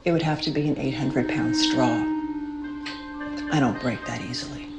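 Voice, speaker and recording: A sardonic widow in a naturalistic TV drama. Her voice sits low and is full of bitter disappointment, cutting and scornful. Music is clearly heard behind her. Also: fairly even intonation, normal speed. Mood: defiant, guarded.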